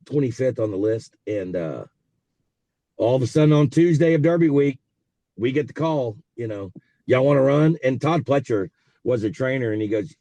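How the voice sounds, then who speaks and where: A man's voice: medium pitch, animated, normal speed, dark tone, no echo. A man in his forties with a Texan accent, telling stories casually as an interview guest over a car speakerphone while driving. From South Texas. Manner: easygoing, rambling, frequent fillers. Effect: talking on a car speakerphone while driving. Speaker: interview guest, racehorse owner. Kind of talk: casual storytelling over a phone call.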